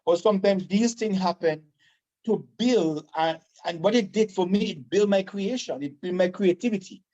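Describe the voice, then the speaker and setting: A man's voice: sits high, normal speed, darkish tone, dull audio. A man from Saint Vincent with a Vincentian accent, chatting casually on radio and emphatically repeating his phrases. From Saint Vincent and the Grenadines.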